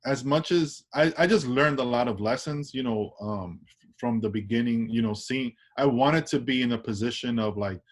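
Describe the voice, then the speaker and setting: An artist guest from Washington Heights, New York, chats casually in an interview with a New York accent, rambling loosely at normal speed. His pitch is ordinary, and he often restarts sentences and tosses in tag questions to check in.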